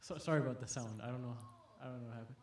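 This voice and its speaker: A man delivers an animated, laid-back lecture to youth at an Islamic center, often breaking into laughter inside a large hall. His voice is mid-range, he talks very fast, and the recording is very noisy.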